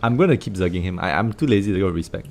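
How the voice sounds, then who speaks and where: A man's voice: low-pitched, very fast, vocal fry, slight background noise. A man from Singapore with a Singaporean English accent, giving loose, joking commentary on a game livestream, swearing and crying out often. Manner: animated, swearing, joking, frequent exclamations. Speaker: game streamer. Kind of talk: casual livestream gaming commentary.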